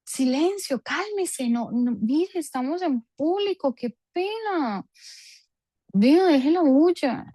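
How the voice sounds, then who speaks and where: A woman doing a flustered mother who hushes her child in a shrill, hurried voice that jumps high. The sound is dry and close. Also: animated, dry recording. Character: flustered mother hushing an excited child in public.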